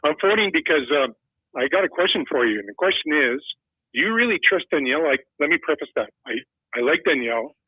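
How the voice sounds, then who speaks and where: An older man from Quebec calls in to a radio show, and he speaks earnestly and personally. His voice sits a little high. It comes through a thin, tinny phone line that sounds dry and close. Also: very animated, a little fast, slightly rough, dry recording. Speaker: caller. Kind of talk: phone-in caller.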